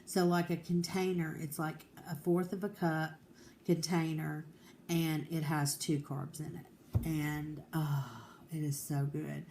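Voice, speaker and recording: A woman's voice: low-pitched, little pitch movement, slow pace, dark tone, a little hiss or hum. A woman, talking candidly and determinedly in a casual home vlog, rambling with many fillers. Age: 40s. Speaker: vlogger.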